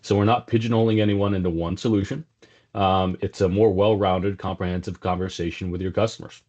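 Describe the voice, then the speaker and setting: Deep-voiced South African man, lo-fi sound. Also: steady tone, a little fast, darkish tone. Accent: South African with a slight Texas twang. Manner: conversational, many fillers and restarts. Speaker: sales executive guest. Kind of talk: casual business interview. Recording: dull lo-fi sound.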